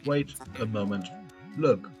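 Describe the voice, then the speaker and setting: A man voicing a calm, formal male spaceship computer, reading game dialogue aloud in a stiff, instructive manner over music. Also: on the low side, slow, low-quality recording. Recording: music playing behind.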